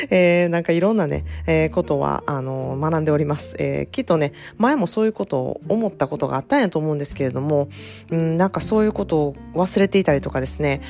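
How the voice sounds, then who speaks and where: A Japanese woman speaking in Osaka Kansai dialect hosts a podcast as a self-care consultant. Her voice is low-pitched, quick, creaky, and a little mellow, with big pitch swings. She chats casually with lots of fillers and small laughs, and faint music plays behind her.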